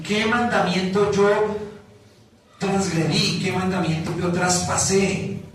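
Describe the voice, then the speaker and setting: A man with a Colombian accent preaching an expository sermon as pastor, emphatic, often checking in with the congregation. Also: high voice. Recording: very echoey room, mic far off, faint noise.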